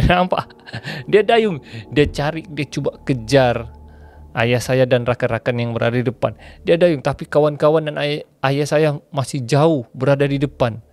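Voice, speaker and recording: A man telling a ghost story in a chatty way, pausing to explain local slang to his viewers. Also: mid-range voice, a little mellow, no echo.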